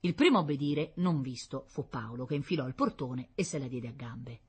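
A woman narrating a story aloud in a lively, animated storytelling manner. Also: extremely low pitch, normal speed, breathy edge. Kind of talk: expressive storybook reading.

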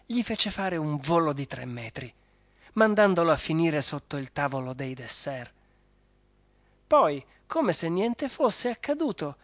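Slow, expressive storybook narrator. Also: medium pitch, no room sound. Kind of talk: audiobook narration. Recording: dry studio voice over soft music.

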